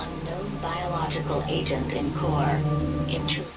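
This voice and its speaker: Glitching low computer system. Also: female voice, a little slow. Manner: flat clipped machine announcements, repeating errors. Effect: glitching robotic computer voice. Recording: echoey distant game audio under loud music.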